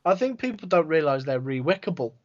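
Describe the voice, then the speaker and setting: A man's voice: fairly high pitch, very animated, brisk. A man co-hosting a live vape stream, cracking jokes and teasing his partner. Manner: joking, teasing banter. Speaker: co-host of a live vape show. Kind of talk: casual live-stream banter. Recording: dull lo-fi sound.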